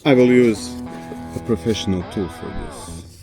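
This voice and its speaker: A Croatian-speaking man narrates a casual English vlog on an action camera while doing chores around a rural summer house. His voice is low and his pace measured, with music playing in the background.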